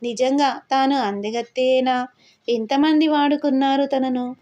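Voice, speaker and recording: A woman narrating an audio novel in a steady, reflective reading voice. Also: sits high, measured pace, highs cut off.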